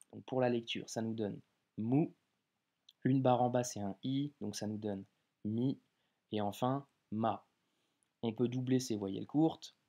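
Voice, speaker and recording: Male tutor, mellow voice, chatty and informal, slows down on sample words. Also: mid-range voice. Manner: informal, addresses viewer as tu, drawn-out example words. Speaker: Arabic reading teacher. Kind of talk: casual video lesson.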